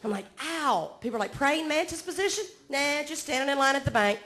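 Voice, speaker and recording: On a comedy club stage, a Georgia woman in her forties with a Southern accent pokes fun at herself and banters with the crowd. Her voice is high-pitched and a bit bright, with brisk delivery and lively intonation.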